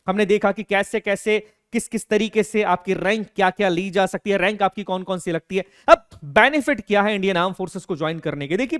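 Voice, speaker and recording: A man's voice: high voice, a bit bright, smooth, no room sound, studio quality. A male teacher giving an emphatic lecture, addressing students directly and mixing in words. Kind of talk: educational lecture.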